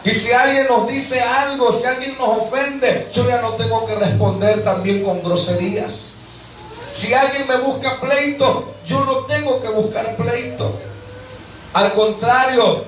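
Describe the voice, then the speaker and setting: A Mexican man preaching a sermon as a pastor, lively, acting out the voices of everyday people. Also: very high-pitched. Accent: Mexican Spanish. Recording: echoey hall, voice from far off.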